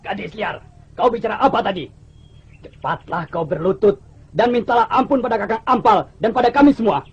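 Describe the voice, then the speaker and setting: Very raspy bandit henchman. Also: high voice, a little fast, full character voice. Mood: menacing. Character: menacing, servile male bandit henchman. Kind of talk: old radio drama acting. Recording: dull lo-fi old radio drama recording.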